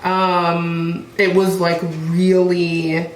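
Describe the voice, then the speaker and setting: Young adult female podcast co-host with a low register, heartfelt and halting delivery, echoey room. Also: completely flat delivery. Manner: halting and heartfelt, many fillers. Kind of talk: casual chat reviewing a TV show. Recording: roomy echo, faint noise.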